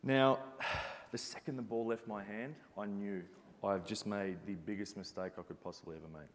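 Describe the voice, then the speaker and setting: A man's voice: fairly low pitch, fairly even intonation, normal speed. A man giving an earnest, reflective motivational talk as a former basketball captain. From Australia. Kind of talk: motivational presentation. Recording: reverberant hall sound.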